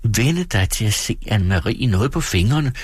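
A man's voice: on the low side, lively intonation, husky, no echo, clean studio sound. A man playing a patient, coaxing young husband. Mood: firm, patient. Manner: gentle, coaxing, earnest.

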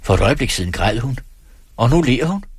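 A man reading a novel aloud in a measured storytelling manner. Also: medium pitch, sing-song, husky, no echo, studio quality. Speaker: reader.

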